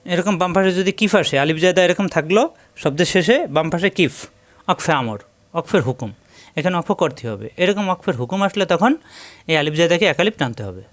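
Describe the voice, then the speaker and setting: Guy teaching quran rules, slow and patient, bit high voice, dry sound. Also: animated, dry recording. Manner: slow, patient, repeats each rule. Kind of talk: tajweed lesson.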